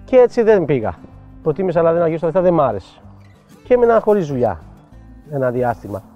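A middle-aged man from Piraeus spins lively coaching anecdotes, acting out the lines of the people in them. His voice sits a touch high for a man. The sound is a little dull, with faint music underneath. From Piraeus, Greece. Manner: animated anecdotes, acts out quoted dialogue. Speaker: football coach guest. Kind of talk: storytelling interview.

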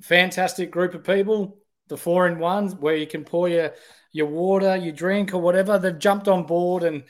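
Man, Australian accent, fairly high voice, casual podcast co-host. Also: fairly even intonation, normal speed. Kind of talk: casual sports podcast chat.

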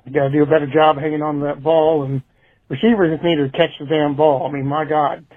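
A man's voice: on the high side, little pitch movement, brisk, no echo. A man leaving a voicemail for a talk show over a phone line, giving his take in a blunt, casual way, swearing and shrugging things off. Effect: voicemail played over a phone line. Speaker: caller. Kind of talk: casual call-in rant.

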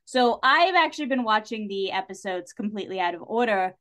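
Slightly fast and medium in pitch, this woman is a guest on a podcast, chatting casually. Her storytelling is animated, full of "like" and reactions she acts out.

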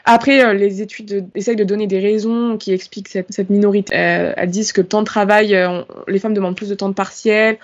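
Young woman host, rapid chatty delivery, slightly muffled recording. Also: medium pitch, fairly even intonation. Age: 20s. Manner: quick, chatty, many fillers. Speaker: podcast host. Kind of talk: casual podcast discussion.

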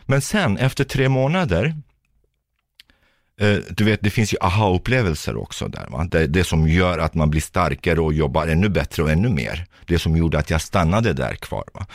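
Deep-voiced man telling an intense story. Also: no echo, clean studio sound. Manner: vivid, intense retelling, acts out dialogue. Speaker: physiotherapist recounting war experience. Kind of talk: personal storytelling in a podcast.

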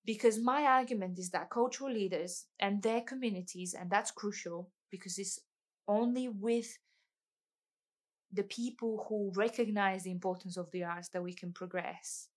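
A woman's voice: mid-range voice, moderate pace. A woman hosting a podcast, narrating a scripted, articulate argument. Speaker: podcast host.

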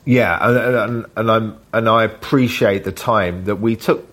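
A man's voice: on the low side, moderate pace. A man, a chef, chatting casually in an interview with lots of fillers and tag questions. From Britain. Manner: relaxed, rambling, with frequent fillers and tag questions. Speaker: chef and cookbook author.

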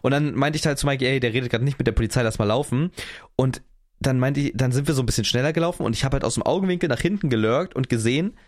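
A man's voice: mid-range voice, very fast. A young man co-hosting a podcast, narrating a story in casual chat and acting out quoted voices. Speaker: podcast co-host.

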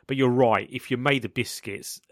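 A man with a gravelly, coughy voice from being sick, hosting a casual football chat and often stumbling and repeating his words. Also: mid-range voice, fairly even intonation, moderate pace, no room sound, clean studio sound. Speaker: football podcast host.

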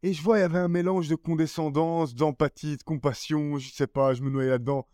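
A man with a Belgian French accent, a comedian telling stories about his stage flops in a casual podcast chat, self-mocking and animated. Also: on the high side, brisk, no echo, clean studio sound. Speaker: guest comedian.

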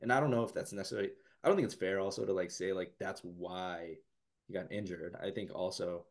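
A man with a very low voice talks basketball in a loose, halting way, full of restarts and fillers. His voice is going hoarse as he talks, though he keeps the easy tone of a casual podcast chat. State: losing his voice. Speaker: podcast co-host. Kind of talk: casual sports talk.

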